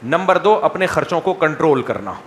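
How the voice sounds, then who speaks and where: A man with a Pakistani Urdu accent answering audience questions in a lively, teasing manner full of rhetorical questions. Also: on the high side, slight background noise. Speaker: Islamic scholar answering questions.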